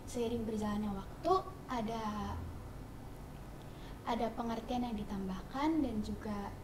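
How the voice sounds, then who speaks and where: Young woman, higher voice, soft and thoughtful, echoey room with clear noise behind. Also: fairly even intonation, unhurried. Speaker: guest, daughter. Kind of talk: casual interview.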